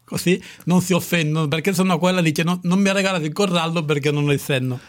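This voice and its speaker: A man's voice: a little high, fast talker, lightly acted. An actor playing a comic, boorish know-it-all who gives absurd etiquette lessons in a radio sketch, insistent and stumbling over his words. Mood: pompous, insistent. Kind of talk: improvised radio comedy sketch.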